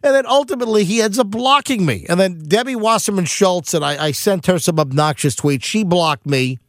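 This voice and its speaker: A middle-aged man hosting a talk radio show, ranting in a quick, animated monologue full of asides and restarts. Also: sits high, no room sound, clean studio sound.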